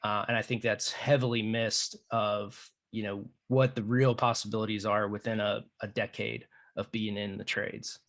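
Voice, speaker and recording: A man hosting a podcast, talking in a relaxed, reflective way with plenty of fillers. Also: fairly low pitch, moderate pace, few pauses. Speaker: podcast host. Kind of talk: casual podcast conversation.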